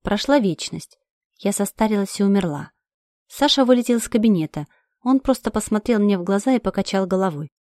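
Woman, mid-pitched, emotional first-person audiobook narration, dry close sound. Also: lively intonation, fairly quick, a little mellow, no room sound. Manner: emotional, urgent storytelling.

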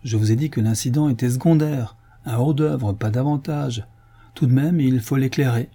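A gruff, sardonic police inspector, as a male audiobook reader puts him on, offhand and ironic. The voice is mellow and a little husky. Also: medium pitch, moderate pace. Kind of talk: audiobook reading.

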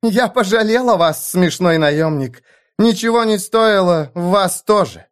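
Guy putting on a shrill high drunk noblewoman, defiant and pleading, audiobook style. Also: animated, a little slow, clean tone. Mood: mocking.

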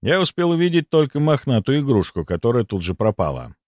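Expressive male audiobook narrator. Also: mid-range voice, a little fast, dry recording. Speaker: audiobook reader. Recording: dull lo-fi dry audiobook recording.

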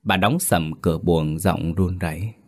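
A man narrating a scripted horror story in a measured, dramatic manner. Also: low voice, a little mellow.

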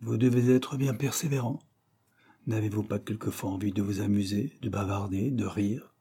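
A man voicing a kindly, thoughtful gentleman who speaks gently and half-seriously. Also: lowish voice, steady tone, normal speed, vocal fry, breathy edge.

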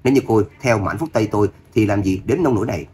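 A man's voice: on the low side, very fast, warm tone, a little hiss or hum, natural voice. A man voicing a smarmy young suitor with falsely pitying words in an audiobook.

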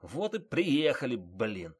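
A man voicing a blunt, grumbling male police driver who talks loudly and complains. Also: mid-range voice, big pitch swings, normal speed, husky. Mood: angry. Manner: loud, complaining.

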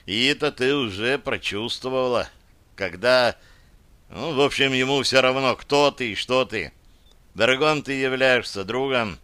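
A man voicing a cool-headed dark mage who speaks in a measured, matter-of-fact way in an audiobook. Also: mid-range voice, clear, resonant tone, no echo. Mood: grave. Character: calm dark magister, grave and secretive man.

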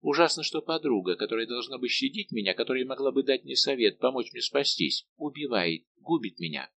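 A man reading the part of a shy, gentle young maid of honour at a royal court, speaking softly and pleadingly. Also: medium pitch, animated, a little fast, vocal fry, muffled recording. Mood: distressed.

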